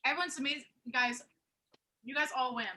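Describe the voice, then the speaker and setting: A woman's voice: high-pitched, fast, bright, forceful tone. A woman hosting a live online cooking class, bubbly and gushing with praise.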